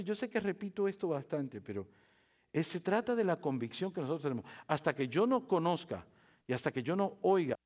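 A man preaching a sermon as pastor in a church, repeating phrases and asking the congregation rhetorical questions, swinging from quiet talk up to loud, emphatic passages. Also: high voice.

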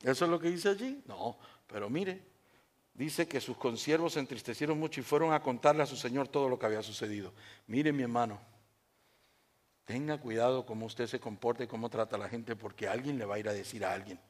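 A pastor, preaching a sermon with rhetorical questions and acted-out stories. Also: male voice, medium pitch, brisk.

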